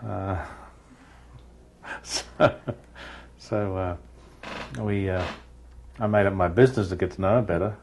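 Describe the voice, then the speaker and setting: A man speaks in an interview, his voice on the low side. He recalls things haltingly, dotting his speech with fillers. A faint noise sits under the recording. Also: creaky, a little mellow. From New Zealand. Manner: hesitant, with many fillers. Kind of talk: candid interview recollection.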